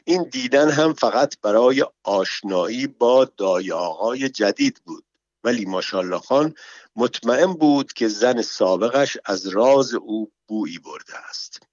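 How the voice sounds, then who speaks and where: A man narrating an audiobook in an even, measured storytelling manner. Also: mid-range voice, no room sound. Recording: dull, dry recording.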